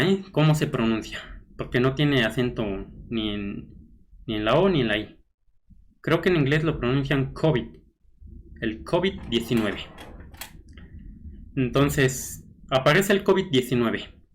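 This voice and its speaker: A man with a Mexican Spanish accent giving casual blog commentary, reading news snippets aloud and musing with frequent fillers and tag questions. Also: mid-range voice. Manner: conversational, musing with fillers like "este" and "¿no?". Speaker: blogger host.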